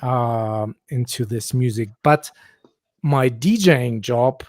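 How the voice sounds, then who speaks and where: A man's voice: mid-range voice, slow pace, no room sound. Man in his forties, dry sound. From Germany. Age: 40s. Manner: relaxed storytelling, laughs often. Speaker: guest DJ. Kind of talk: casual chat.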